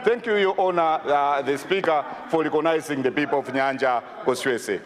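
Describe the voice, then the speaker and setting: A man's voice: fairly high pitch, brisk, crowd noise. A man with a Malawian accent speaking in parliamentary debate, insistent and emphatic, repeating phrases for stress. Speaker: member of parliament. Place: parliament chamber. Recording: reverberant hall.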